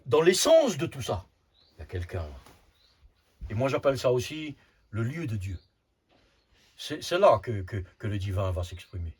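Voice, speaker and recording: A man's voice: medium pitch, a little mellow, breathy edge. A man over fifty giving an informal spiritual talk as a Sufi teacher, often repeating words and tagging phrases with short asides. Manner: repeats words, frequent "hein" tags, emphatic bursts.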